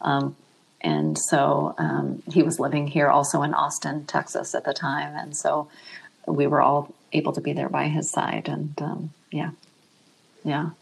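A middle-aged woman speaking softly and reflectively as an interview guest, emotional as she talks. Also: low voice, unhurried, gravelly, husky. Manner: soft-spoken, reflective, emotional.

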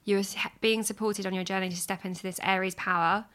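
A woman hosting a podcast, reading an astrology chart in a measured, explanatory way. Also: mid-range voice, fairly even intonation, a bit bright.

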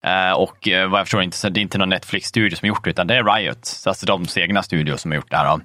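Male podcast co-host, low pitch, bright tone, rambling casual gamer chat, dry sound. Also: dry recording. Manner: rambling, many fillers and casual swearing. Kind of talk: casual chat about video games.

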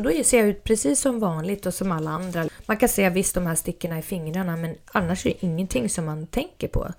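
Creaky-voiced woman telling a personal story. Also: fairly low pitch, dark tone. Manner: chatty, rambling, with many fillers and restarts.

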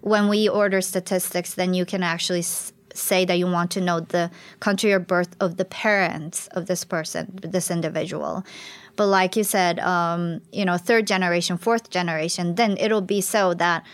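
With a fairly low, steady voice at a moderate pace, a woman researcher talks through her work as an interview guest. Her academic explanation is reflective, and she frequently begins sentences over again.

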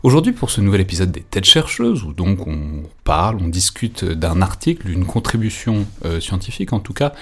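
A man's voice: low-pitched, big pitch swings, moderate pace, hardly any pauses, fairly bright tone. A man hosting a research podcast, introducing guests and asking questions with many fillers and restarts. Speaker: podcast host. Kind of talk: podcast interview.

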